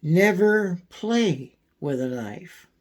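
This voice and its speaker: A man giving a casual, folksy how-to demonstration, his voice thin and squeaky from a coming cold. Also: expressive. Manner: folksy, unhurried, frequent throat clearing. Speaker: video host demonstrating pocket knife care.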